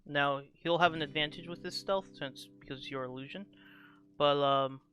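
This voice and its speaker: A man's voice: fairly high pitch, fairly even intonation, moderate pace, sharp tone, dull audio. A man running a tabletop game as game master, explaining rules with frequent hesitations.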